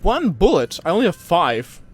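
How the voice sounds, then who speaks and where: A man's voice: sits high, wildly swooping pitch, moderate pace, husky, faint music behind. A man playing a game and commenting casually, muttering asides and reacting aloud as he goes.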